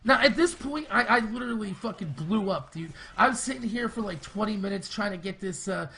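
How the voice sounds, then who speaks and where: A man's voice: high-pitched, expressive, a little fast, creaky, pushed and bright. A man around thirty, a gaming video host, telling a rambling, profane story in casual storytime style. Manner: rambling, profane, heavy on filler words. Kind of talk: casual storytime over gameplay.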